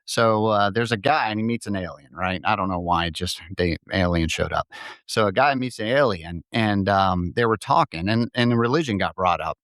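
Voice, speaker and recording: A man's voice: on the low side, moderate pace, fairly bright tone, no room sound. Chatty middle-aged man with a dry close sound. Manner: rambling storyteller, laughs at his own jokes. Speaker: podcast co-host. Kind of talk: casual chat.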